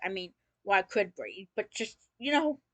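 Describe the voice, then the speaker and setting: A woman's voice: medium pitch, expressive, normal speed, dry recording. A woman telling a personal story in a casual vlog, opening with a theatrical greeting and dropping sarcastic asides.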